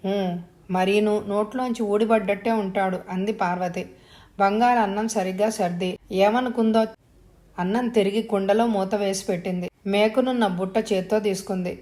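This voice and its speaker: A woman storyteller reading an audio story in a steady, even narration. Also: mid-range voice, moderate pace.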